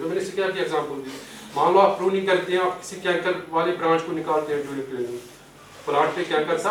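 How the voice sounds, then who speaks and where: A man's voice: sits high, a bit bright. A man with a Kashmiri accent giving a training lecture, explaining step by step, asking questions and then answering them, slipping English terms into his speech. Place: lecture hall. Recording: echoey hall, distant mic, faint hiss.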